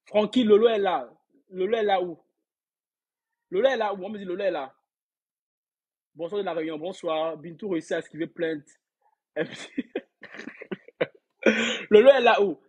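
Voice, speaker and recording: A man's voice: high voice, measured pace, long pauses, breathy edge. A man hosting a casual gossip live stream, reading out viewer comments. He rambles, repeats words and laughs often as he talks straight to his viewers. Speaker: livestream gossip host.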